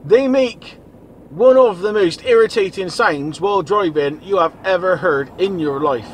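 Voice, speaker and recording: A man's voice: high-pitched, unhurried, background noise. A man giving a blokey, informal video diary as a vlogger. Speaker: vlogger and van driver. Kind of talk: casual video diary chat.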